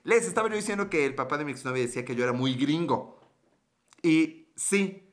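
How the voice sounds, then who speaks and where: A man's voice: fairly high pitch, lively intonation, fairly quick. A man with a Mexican accent hosting a casual livestream, joking in slang and greeting viewers by name. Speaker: livestream host.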